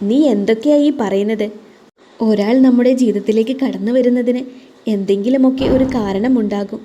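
A woman voicing a blunt, caring young friend and coworker in an audio story, pushy and lively in tone. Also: a little high, moderate pace, highs cut off, slight background noise, close to an everyday voice.

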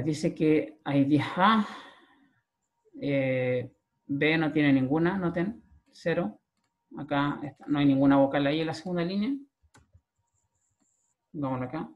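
A man's voice: a little high, measured pace, pauses often, lo-fi sound. A male programming lecturer with a Chilean accent, explaining step by step and checking in with a frequent "¿ya?". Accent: Chilean Spanish. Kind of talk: recorded screen-share class.

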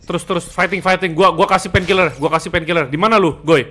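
A young man streaming a co-op horror game with friends, calling out directions in quick excited repeats. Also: sits high, a little hiss or hum. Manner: excited, rapid repeated callouts. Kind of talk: casual co-op gaming chat.

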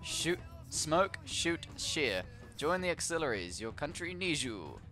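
A young man narrates his shooter game in a lively, bouncy voice, making silly gun noises and tossing out swears as he goes. His pitch rises and falls a lot, and clear game music plays behind him. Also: slow. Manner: playful, chatty, makes gun noises and swears. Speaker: gamer playing a shooter. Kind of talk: casual let's play commentary.

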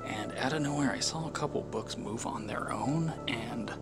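A man vlogging in a hushed, secretive half-whisper, speaking low as if in a quiet place. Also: moderate pace, loud music behind the voice. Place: quiet empty library, indoors.

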